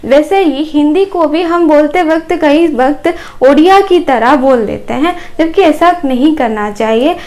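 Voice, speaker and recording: Slow, high-voiced woman teacher with Odia accent. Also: a little mellow. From Odisha, India. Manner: explanatory, with repeated examples and fillers. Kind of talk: grammar lesson.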